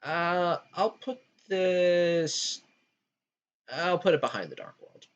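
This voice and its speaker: A man hosts a relaxed chat about video games, and his pitch swings widely from line to line. He fills pauses with ums and jumps between thoughts. The recording sounds dull and lo-fi. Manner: animated, jumpy pitch with frequent ums. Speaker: podcast host ranking game worlds. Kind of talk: casual gaming chat.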